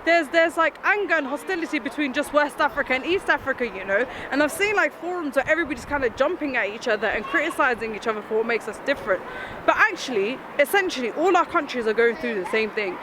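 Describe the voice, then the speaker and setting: A woman's voice: high voice, fast talker. A woman in a casual street interview, talking eagerly and at length. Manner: eager, animated, talkative. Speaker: interviewee, freelance journalist. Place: outdoors at a festival. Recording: outdoor crowd and noise behind.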